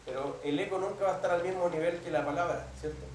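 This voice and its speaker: Delivering a teaching sermon, a pastor patiently sets out doctrine and keeps pausing to ask "¿cierto?" so he knows his listeners are with him. His slightly high, darkish voice reaches the distant mic through a reverberant, echoey church hall, over a faint room hum.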